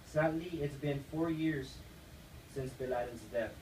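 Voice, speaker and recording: A young man from the United States, his voice a little high, slow, and mellow, reads out an earnest persuasive speech like a class assignment. Echo, noise, and a distant microphone mark the recording.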